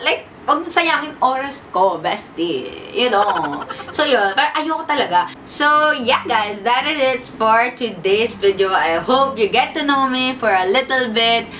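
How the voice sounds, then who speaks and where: Woman young chatty vlogger, bright tone, mic a bit far with faint hiss. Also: a little high. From Philippines. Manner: chatty, mixes Tagalog and English, says bestie. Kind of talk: casual sit-down vlog.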